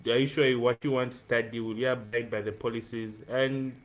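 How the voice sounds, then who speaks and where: With a steady, medium-pitched voice, this student talks fairly quickly. He's a Ugandan man in his twenties, the guest on a live-streamed video call, giving an earnest account of his life in a casual interview and filling gaps with um.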